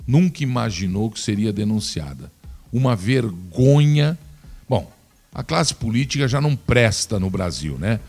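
A man's voice: fairly low pitch, sing-song, measured pace, darkish tone, soft background music. Indignant Brazilian man ranting about politics. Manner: indignant, scornful, addresses listener directly. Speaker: political commentator. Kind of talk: opinionated political commentary.

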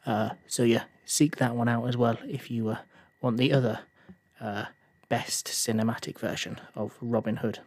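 Male podcast host, mid-pitched, dry close sound, relaxed and hesitant, given to rants. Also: dry recording. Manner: casual, hesitant with many fillers, rising into a heated rant. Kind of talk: solo film review podcast.

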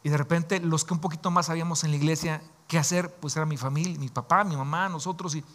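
A man's voice: on the high side, fairly even intonation, quick pace, fairly bright tone. A man in his forties, a pastor, telling his own story in a sermon in an emotional, confiding way. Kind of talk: sermon testimony.

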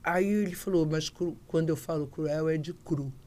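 An older actress being interviewed, telling anecdotes in a lively way and acting out the voices of the people she quotes. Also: sits low, moderate pace. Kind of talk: casual interview storytelling.

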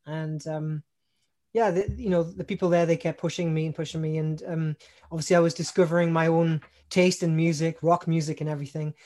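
A singer-songwriter from Newcastle upon Tyne, England, chats casually from home as an interview guest. He's relaxed, laughs often, and fills his talk with ums and restarts; his voice is a little high and his pace a little fast.

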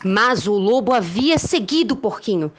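A Brazilian woman telling a story to children in the expressive manner of a kids show host. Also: medium pitch, moderate pace, background noise.

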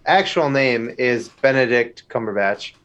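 A laid-back man trades theories about superhero films as a podcast co-host, teasing his partner. His voice sits in a middle pitch and comes through a dull, lo-fi recording. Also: lively intonation, unhurried, a bit bright.

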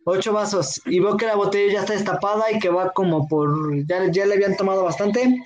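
A Mexican man with a fairly high voice tells a story in easy, slangy chat. He acts out the lines of the people in it as he goes. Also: steady tone, fairly quick, muffled recording. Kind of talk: casual chat, telling a drinking anecdote.

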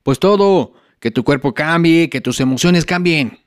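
A patient, caring father, played by a man, with a Mexican accent and a somewhat raised voice. He reassures his son softly and kindly in a family sketch. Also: a little high, animated, a little slow. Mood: gentle. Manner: gentle, reassuring.

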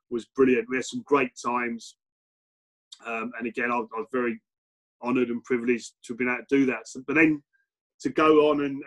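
A middle-aged man from England, once a footballer and later a coach, answers interview questions at medium pitch. He sounds relaxed and reflective, with plenty of fillers and restarts.

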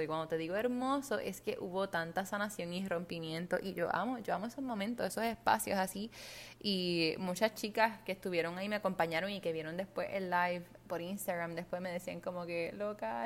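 Chatty Puerto Rican woman podcaster. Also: medium pitch. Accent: Puerto Rican Spanish. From Puerto Rico. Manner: chatty, expressive, laughs often, many fillers. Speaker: podcast host and wellness coach. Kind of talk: casual solo podcast talk.

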